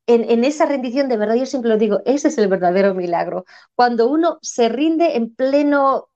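A woman's voice: on the high side, lively intonation, normal speed, dark tone. Earnest woman from Spain, lo-fi. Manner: earnest, reflective, repeats phrases for emphasis. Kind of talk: spiritual conversation. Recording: dull lo-fi sound.

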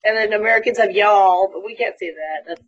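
A woman from Vancouver Island with a Canadian accent, chatting casually as a guest with lots of fillers and quick jokes. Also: medium pitch, dull audio. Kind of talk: casual chat.

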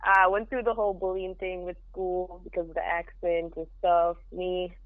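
A woman's voice: fairly low pitch, flat delivery, moderate pace, dry recording. Frank young woman on a phone line. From Jamaica. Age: young adult. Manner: frank, straightforward. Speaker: podcast guest. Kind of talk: casual interview.

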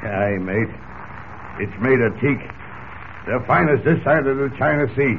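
An actor playing a gruff, blunt old seafarer with salty in 1940s radio drama. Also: male voice, mid-range voice, measured pace. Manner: salty nautical talk. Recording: tinny, noisy old radio recording.

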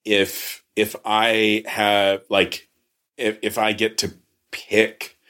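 A man chatting casually as a player in a tabletop game, deliberating out loud over his choices. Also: fairly low pitch, completely flat delivery, extremely slow. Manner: thinking aloud, deliberating.

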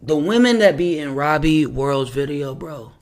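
A man hosting a podcast in a loose, rambling style, full of slang and restarts as he gives shout-outs. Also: fairly high pitch, expressive, normal speed. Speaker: podcast host. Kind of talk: casual podcast chat.

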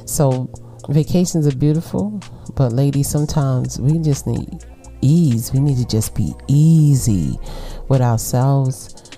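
Deep-voiced, laid-back woman with a Brooklyn accent. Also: mellow, faint music behind. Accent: Brooklyn, New York. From Brooklyn, New York. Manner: laid-back, unhurried, conversational. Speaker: podcast host. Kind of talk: casual solo podcast chat addressed to women listeners.

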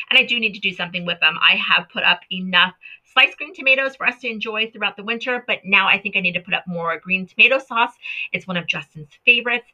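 A woman with a very bright, forceful voice chats enthusiastically to her viewers about home canning. She rambles and corrects herself as she goes. The sound is slightly dull and lo-fi. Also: medium pitch. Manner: chatty, enthusiastic, self-correcting. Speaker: home cooking and canning vlogger. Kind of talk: casual talk to camera.

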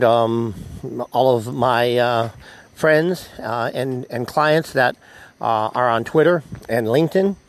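An American man hosting a solo podcast, speaking haltingly with many ums and whistling slightly on his words because of missing teeth. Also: mid-range voice. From United States. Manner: halting, filled with ums and pauses. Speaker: podcast host. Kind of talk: solo podcast announcements to listeners.

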